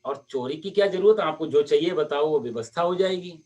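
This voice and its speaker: A man's voice: a little high, brisk, a little mellow, far from the mic, lightly acted. A man doing a guileless old saint. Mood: earnest. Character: humble elderly male saint, simple and guileless.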